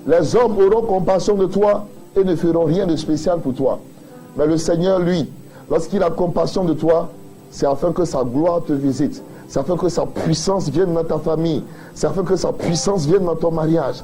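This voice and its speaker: A pastor preaching a sermon, building emphatic repeated refrains and addressing the listener directly. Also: male voice, a little high, moderate pace, mellow, faint music behind, low-quality recording.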